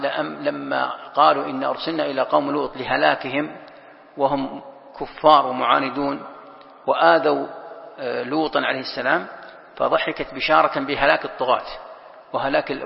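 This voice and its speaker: Gravelly man teaching in a reverberant hall. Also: fairly high pitch. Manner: explains line by line, drawn-out emphatic quotes, asks students questions. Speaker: sheikh teaching Quran exegesis. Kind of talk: classroom lesson explaining a text. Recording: muffled lo-fi recording in a reverberant hall.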